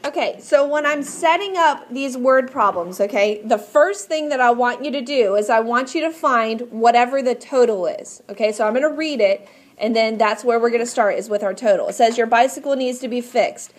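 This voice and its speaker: In a slightly high voice at a moderate pace, a woman teaches a math class one step at a time. She is patient and instructive, often asking questions to make sure students understand.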